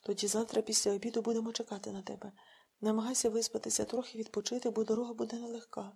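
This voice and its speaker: A woman's voice: fairly high pitch, level tone, racing, vocal fry, dark tone, husky, exaggerated voice. A woman voicing a proud, bitter village wife who speaks curtly and harshly. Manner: curt, harsh.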